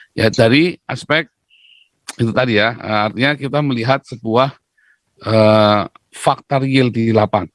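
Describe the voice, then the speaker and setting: A man speaking as a guest commentator in a talk-show discussion, emphatic and lecturing, with sudden jumps in pitch. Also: no echo.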